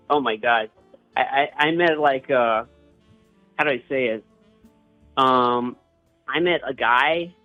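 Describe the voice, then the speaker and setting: Young man on a tinny line. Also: mid-range voice. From Puerto Rico. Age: young adult. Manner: hesitant, with frequent restarts and fillers. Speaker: interviewee. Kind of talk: casual personal storytelling. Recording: tinny phone-like line with faint guitar music.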